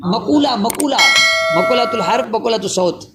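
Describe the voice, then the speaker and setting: A man's voice: extremely high pitch, lively intonation, loud music behind the voice. A male teacher giving a grammar lecture in a classroom, repeating each phrase and checking that his students follow. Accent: Pakistani Urdu.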